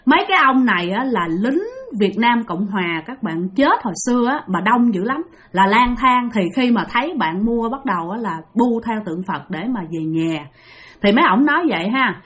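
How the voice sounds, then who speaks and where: A woman's voice: a little high, lively intonation, moderate pace, a bit bright. Chatty Southern Vietnamese woman storyteller. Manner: chatty, addresses listeners directly. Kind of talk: spoken ghost story narration.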